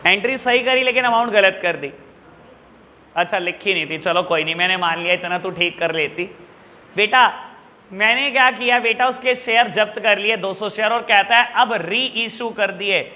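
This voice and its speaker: Male teacher, high piercing voice, fatherly scold who keeps quizzing the class, echoey room with a long tail. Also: fairly even intonation, moderate pace, pushed and bright. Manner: scolding, fatherly, calls students son, rhetorical questions. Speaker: accounts teacher. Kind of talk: classroom lecture. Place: classroom with students.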